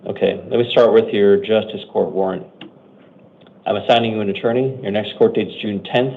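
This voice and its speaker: An American man speaking as a judge at a hearing, making procedural courtroom announcements in a brisk, matter-of-fact, routine way. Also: lowish voice, fairly even intonation, gravelly. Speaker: judge or commissioner at initial appearance hearings. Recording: muffled phone-like courtroom audio.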